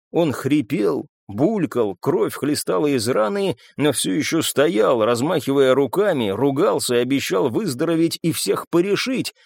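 A man's voice: medium pitch, creaky, a little mellow, no room sound, clean studio sound. A man narrating an audiobook in a tense, dramatic reading. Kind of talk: scripted narration.

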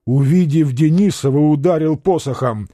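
Brief: male narrator, mellow tone, somewhat high voice, dry studio sound. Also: moderate pace, dry recording. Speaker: audiobook narrator. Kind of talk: audiobook narration of a historical novel.

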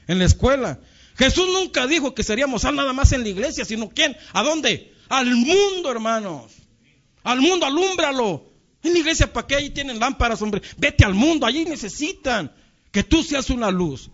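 A man preaching a sermon in a folksy, animated way, often calling out "hermanos". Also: extremely high pitch. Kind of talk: sermon with a personal story. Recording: dull lo-fi recording.

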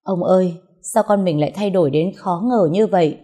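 A woman's voice: lowish voice, brisk, dark tone, natural voice. Woman reading a worried old village mother. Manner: pleading, tearful.

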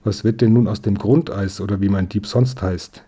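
A man's voice: lowish voice, steady tone, moderate pace, mellow, breathy edge. A man voicing an eager, polite young schoolboy. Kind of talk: audiobook character voice.

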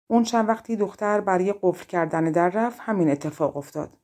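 A woman narrating a fairy-tale audiobook in a calm, even storytelling manner. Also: mid-range voice.

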